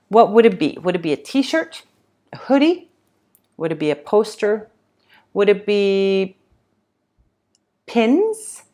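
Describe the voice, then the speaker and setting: A young woman hosting a casual livestream chat, reading out comments and rambling with many fillers and restarts. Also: medium pitch. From Sweden. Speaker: tattoo livestream host.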